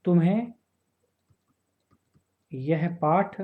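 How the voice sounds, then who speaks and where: A man teaching a grammar lesson for exam prep, slowly repeating phrases and often checking that listeners follow. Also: high-pitched, expressive, phone-quality sound.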